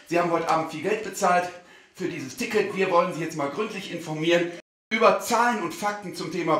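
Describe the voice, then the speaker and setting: A male comedian performing a live stage show, speaking to the audience in a mock-formal, animated way and sometimes shouting. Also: sits high, slight background noise. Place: theater stage. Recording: roomy theater sound.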